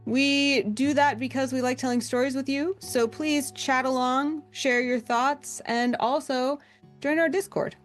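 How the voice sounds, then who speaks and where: Bright-pitched woman welcoming viewers to a live show. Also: steady tone, a little slow, soft background music. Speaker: show host.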